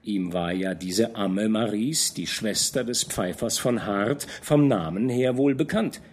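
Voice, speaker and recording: A man reading a classic novel aloud as an audiobook narrator, in a measured, expressive storytelling manner. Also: fairly low pitch, husky. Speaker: audiobook reader.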